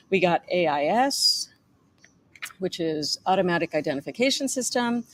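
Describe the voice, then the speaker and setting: A middle-aged woman with a low-leaning voice reads her own memoir aloud as its author. She tells it in a storytelling manner, stumbling now and then.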